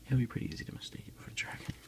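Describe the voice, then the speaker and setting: A man speaks in a hushed, slow whisper right up against the microphone. He's an ASMR creator, reading text aloud and remarking on items as he unboxes them.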